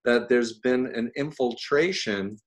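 A man's voice: mid-range voice, a little slow. Male interview host, mid-range voice, earnest, stumbles over repeated words. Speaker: host and cult expert. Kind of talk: conversational interview.

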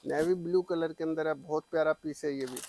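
A middle-aged man giving an eager teleshopping-style sales pitch, full of repeated assurances, as he presents products on a lapel mic. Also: fairly even intonation, a little fast, dark tone, a little hiss or hum. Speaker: saree shop seller and presenter. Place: small saree shop, indoors. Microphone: clip-on lapel mic.

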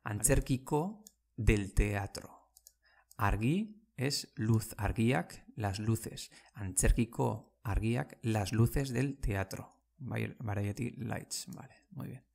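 A man's voice: on the low side, vocal fry, a little mellow. A man giving a casual language lesson, explaining words patiently and often checking in with his listeners. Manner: explains slowly, repeating words and checking in with "¿vale?". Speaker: Basque language teacher.

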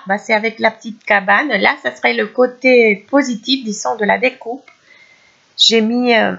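A woman's voice: a little high, gravelly, fairly bright tone, highs cut off. A woman hosting a craft tutorial at home, talking casually with many restarts and fillers.

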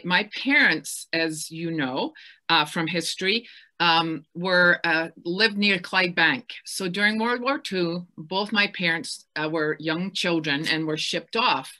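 Bright-voiced Scottish woman, chatty. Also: lowish voice. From west coast of Scotland. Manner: enthusiastic, chatty, many fillers. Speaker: interviewer. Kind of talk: casual book-event chat.

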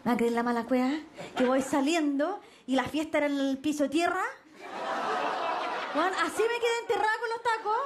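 A young Chilean woman doing a stand-up comedy set on stage, brash and slangy, swinging her pitch for quoted voices. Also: brisk. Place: stage before a live audience. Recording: noisy live TV stage with crowd. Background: crowd laughter.

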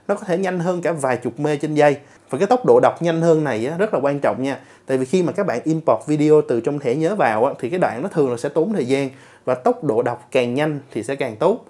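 A man's voice: fairly high pitch, a little mellow. A man reviewing a gadget in a chatty, casual way, talking straight to his viewers. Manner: chatty, addresses viewers directly with filler particles. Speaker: tech reviewer.

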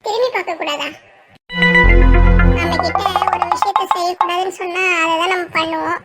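A storyteller voicing cartoon village friends in a very high sped-up voice, trading lively banter. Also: normal speed, loud music behind the voice.

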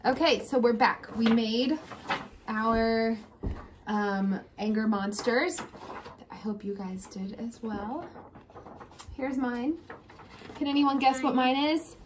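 A children's read-aloud host in her thirties runs a relaxed home lesson, encouraging the little ones and prompting them with questions. Her voice is on the high side, with fairly even intonation, a slow pace and long pauses. The small indoor space has a noisy ambience.

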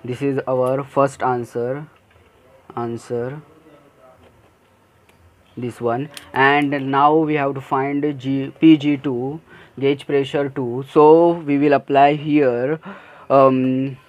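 A man's voice: mid-range voice, flat delivery, slow, pauses often, a little mellow, lo-fi sound. A man explaining an engineering problem over handwritten notes, hesitant, with fillers and self-corrections. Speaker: engineering tutor. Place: at a desk, filming a notebook.

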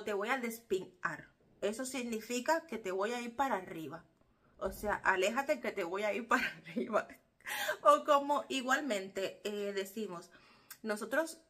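A woman's voice: medium pitch, a bit bright, husky. A Cuban woman vlogging casually to her viewers, explaining things expressively and acting out quotes. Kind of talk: casual talk to camera.

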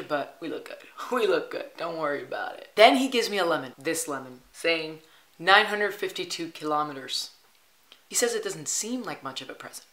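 A woman's voice: low voice, sharp tone, reverberant. A woman in her twenties chatting through a casual travel vlog, upbeat and full of "like" fillers. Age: 20s. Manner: chatty and upbeat, heavy use of "like". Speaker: travel vlogger.

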